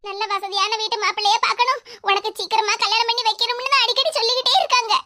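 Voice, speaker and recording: A woman's voice: very high-pitched, steady tone, rapid-fire, sharp tone, a little hiss or hum. A woman voicing a tearful young college girl who speaks with a Kanyakumari Tamil accent, in a plaintive, sorrowful way. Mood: upset. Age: young adult. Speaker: college student. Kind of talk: animated cartoon dialogue.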